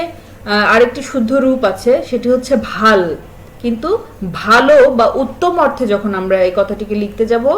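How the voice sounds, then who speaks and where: Woman teacher, fairly high voice, slow careful word lists, faint hiss behind. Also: poor audio. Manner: slow, careful listing of example words; stresses and repeats sounds to show pronunciation. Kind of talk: spelling lesson for school pupils.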